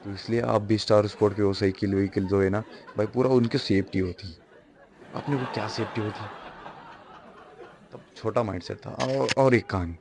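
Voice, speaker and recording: A man's voice: fairly low pitch, steady tone, brisk, gravelly. Rambling teenage guy doing stand-up. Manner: rambling, self-correcting, chuckles through lines. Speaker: stand-up comedian. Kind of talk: first-time stand-up storytelling. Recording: noisy live room with audience.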